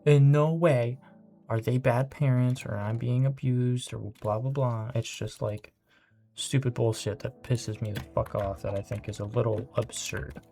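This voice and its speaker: A teenage boy venting in a personal vlog, rambling and frustrated, swearing often and trailing off softly at times. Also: mid-range voice, gravelly. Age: teens. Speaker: vlogger.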